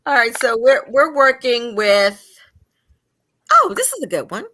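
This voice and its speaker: Woman host, bright and lively, laughs easily, casual video-call chat. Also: on the high side, unhurried. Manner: laughs often, playful.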